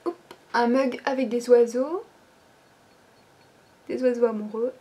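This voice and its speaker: A woman's voice: fairly high pitch, slow pace, warm tone, slight background noise. A woman presenting new items from her online shop in a casual, chatty way, with lots of fillers and hesitations. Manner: chatty, many fillers like "ben" and "euh".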